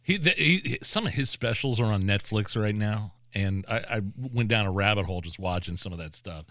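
A male radio co-host trading casual, comic banter in an exclamatory way. His pitch swings widely and his tone is bright and forceful, recorded very dry. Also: fairly quick, dry recording. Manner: animated, exclamatory storytelling.

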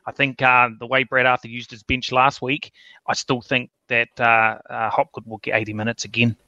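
A man's voice: mid-range voice, little pitch movement, normal speed, bright, forceful tone, no echo, dull audio. A man on a casual sports podcast, matter-of-fact and full of mates. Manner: matter-of-fact, says mate often. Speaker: podcast co-host.

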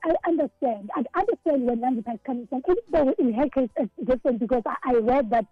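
A woman's voice: sits high, expressive, fast talker, husky, no echo, narrow, tinny audio, faint music behind. A South African woman, an author being interviewed on the radio, talking earnestly and often repeating words as she thinks. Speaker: author and guest.

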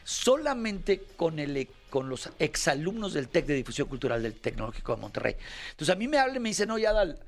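A man's voice: on the high side, big pitch swings, fairly quick. A middle-aged man with a Mexican accent hosting a casual chat and telling stories, acting out the quoted dialogue. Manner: storytelling, acts out quoted dialogue. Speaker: host.

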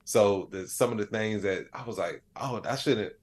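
Speaking at a normal speed, this late-thirties interview guest has a fairly low, slightly rough voice. He works as an AI educator and comedian, and his conversational answers stay loose and plain-spoken, now and then slipping into imagined dialogue.

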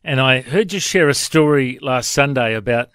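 Encouraging radio host pastor. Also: male voice, medium pitch, moderate pace, fairly bright tone, clear, resonant tone, no echo. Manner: encouraging, brief affirmations. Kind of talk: radio interview.

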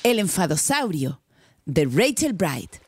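A woman reading a children's storybook aloud in a slow, very expressive way. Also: fairly low pitch, slightly rough, faint music behind.

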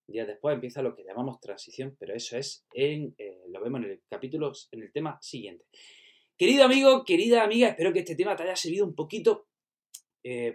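Man, slightly high and very animated, teaching history to students, casual with fillers. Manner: lively, pitch rising and falling, with fillers and self-corrections; warm sign-off to students. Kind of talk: spoken history lesson.

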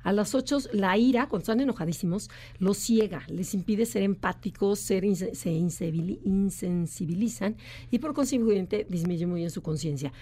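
A woman's voice: medium pitch, normal speed, mellow. A woman explaining personality types on a radio talk show, acting out quoted voices with frequent restarts. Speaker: enneagram expert guest.

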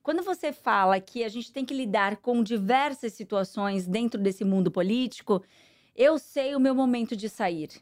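A middle-aged woman with a Brazilian Portuguese accent, answering interview questions in an earnest, measured way with many fillers. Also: a little high, a little mellow. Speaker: interview guest, politician. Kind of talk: conversational interview.

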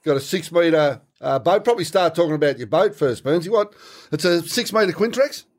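A man's voice: a little high, lively intonation, moderate pace. An Australian man co-hosting a fishing podcast, chatting casually and telling jokes and stories. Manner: joking, storytelling, teasing. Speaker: podcast co-host. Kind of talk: casual chat.

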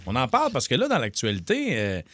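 A man's voice: medium pitch, wildly swooping pitch, quick pace, fairly bright tone, no echo. A man hosting a radio morning show, upbeat and teasing.

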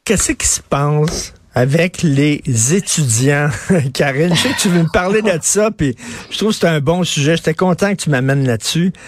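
A man's voice: fairly high pitch, normal speed, dry recording. Colloquial Quebec French man hosting radio. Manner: colloquial, opinionated. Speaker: radio show host. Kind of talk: casual current affairs discussion.

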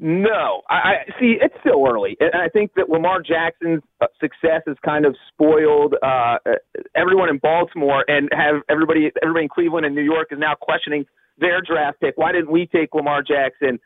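A man from Cincinnati calling in over the phone as a guest analyst on a sports radio show, talking fast and sure of himself with plenty of fillers. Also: on the high side, dry recording. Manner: quick, confident, thinks aloud with fillers. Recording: tinny phone line.

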